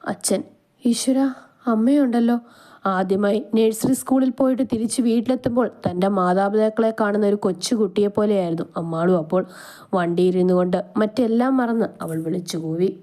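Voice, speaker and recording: A woman reading a romance story aloud, lifting her pitch a little for each character. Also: fairly quick, warm tone.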